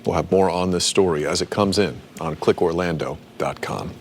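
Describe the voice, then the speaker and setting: A man's voice: low voice, normal speed, a little hiss or hum. A man anchoring a local evening newscast, reading scripted news.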